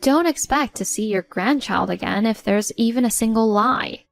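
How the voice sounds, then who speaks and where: A woman's voice: on the high side, moderate pace, gravelly, faint music behind. A woman narrating a first-person story in a blunt, cold, confrontational way.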